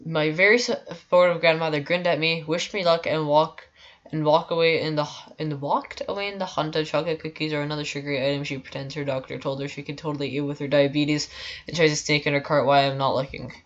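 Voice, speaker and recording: A woman's voice: deep voice, steady tone, fast, dull audio. A young woman reading a story aloud on a live stream, with frequent stumbles and restarts.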